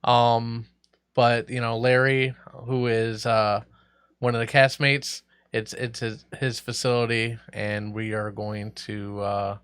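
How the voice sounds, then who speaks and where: A man's voice: mid-range voice, little pitch movement, slow, a bit bright, clear, resonant tone, dry recording. A man hosting a podcast with casual, profanity-laced banter. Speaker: podcast host.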